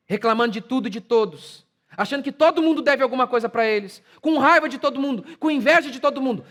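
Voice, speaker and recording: High-voiced emphatic Brazilian pastor. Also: male voice, a bit bright. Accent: Brazilian Portuguese. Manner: emphatic, rhetorical questions, mocking impressions. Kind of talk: sermon.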